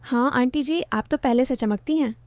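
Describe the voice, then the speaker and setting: A woman's voice: high voice, normal speed, no echo, natural voice. A woman voicing a shy, stammering young milkman. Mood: bashful. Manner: hesitant, stammering.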